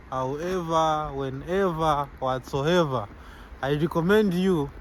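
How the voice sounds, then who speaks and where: A young man chats easily in an outdoor street interview. His voice sits a little high for a man. Faint street noise hums in the background. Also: low-quality recording. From Zambia. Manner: easygoing, chuckles between answers, repeats "yeah". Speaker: interviewee, medical student.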